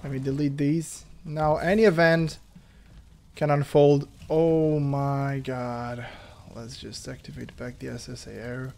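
A man giving excitable let's play commentary, laughing and talking to himself as he plays. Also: mid-range voice, slow, vocal fry, slight background noise. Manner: excitable, laughs, talks to himself while playing. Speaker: gaming YouTuber. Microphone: headphones on, desk mic.

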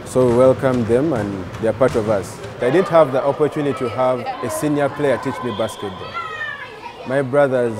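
A man's voice: medium pitch, normal speed, crowd noise. A man, a basketball coach, talking earnestly in a documentary interview about teaching young players.

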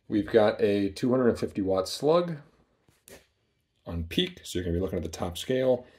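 Off camera in a small workshop, an amplifier builder casually demonstrates his gear. His fairly low, slightly mellow voice is very animated and moves at a moderate pace, and he speaks plainly with lots of ums.

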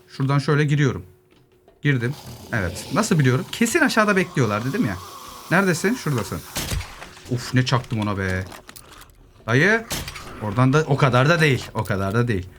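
Quick-paced and playful, a young male gaming YouTuber keeps up a running solo commentary, his pitch swinging widely as he jokes with zombies and mutters over his loot. The lively chatter comes with faint keyboard typing, clicks and a bit of faint noise behind it.

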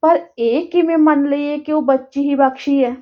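Woman reading a steady older man, kind but firm, in a high voice, storybook reading. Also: moderate pace, dull audio, lightly acted. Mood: concerned.

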